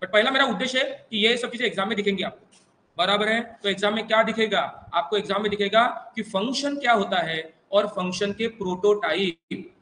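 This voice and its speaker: A man's voice: sits high, fairly quick, sharp tone, roomy sound, a little hiss or hum, poor audio. A male computer teacher with an Indian English accent giving an exam revision lecture, quizzing his students in call-and-response and coaxing them along. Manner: reassuring and coaxing, addresses students as "beta".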